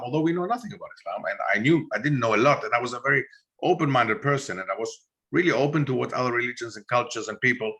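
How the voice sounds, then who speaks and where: Greek-born male historian guest, bright tone, lively storyteller who acts out dialogue in an interview. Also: mid-range voice. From Greece. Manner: animated storyteller acting out quoted dialogue.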